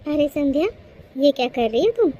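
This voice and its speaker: Meek young daughter-in-law in a cartoon, very high pitch, soft polite delivery; voice actor. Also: expressive, normal speed. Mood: gentle.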